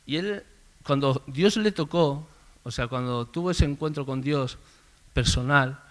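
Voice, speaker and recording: A man preaching a sermon in a conversational storytelling way, calling out names loudly. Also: mid-range voice, unhurried. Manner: conversational storytelling, swells loud on names called out. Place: church service.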